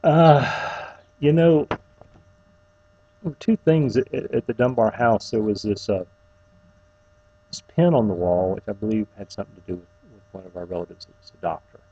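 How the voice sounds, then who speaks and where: A middle-aged man giving an informal, personal eulogy, tenderly reminiscing in a halting, faltering way with long pauses. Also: lowish voice, mellow, dry recording, dull audio.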